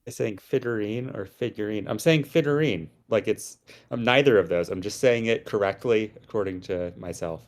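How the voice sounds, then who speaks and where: A man giving relaxed, analytical commentary on a card game with a dry sense of humor. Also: fairly low pitch, normal speed, hardly any pauses.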